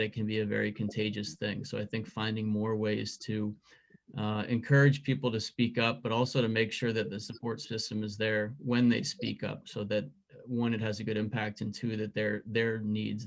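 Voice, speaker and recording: A man's voice: on the low side, vocal fry. A man speaking as an investigative reporter on a conference panel, thoughtful and often repeating words as he searches for them.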